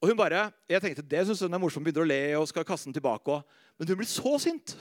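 Male preacher, middle-aged, high voice, anecdotal and animated, dry close sound. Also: no room sound. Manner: animated storytelling, laughs at himself, drops soft and slow on faith lines. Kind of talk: sermon with personal stories.

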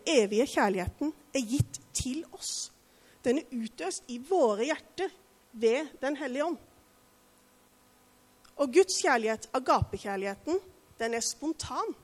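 A woman's voice: high voice, big-room sound. A woman preaching a sermon in an earnest way, asking the listeners direct questions.

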